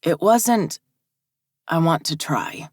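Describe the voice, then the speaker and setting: A shaken, ashamed young man stumbling over his words, as a woman narrator voices him. Slow and low, heard close and dry. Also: expressive, slightly rough, no room sound, exaggerated voice.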